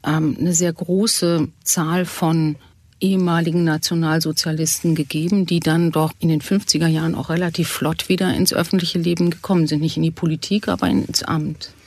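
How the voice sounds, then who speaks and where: A man's voice: a little high, level tone, normal speed, no room sound. A man moderating a panel discussion, asking pointed questions and adding context. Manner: prompting, asks pointed questions.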